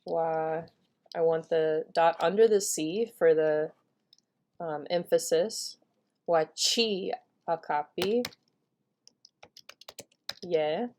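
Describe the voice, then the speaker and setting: A woman's voice: low-pitched, slow, dark tone. A woman giving a screen-recorded tutorial, explaining each step in an upbeat way with casual fillers. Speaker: language teacher giving a software tutorial.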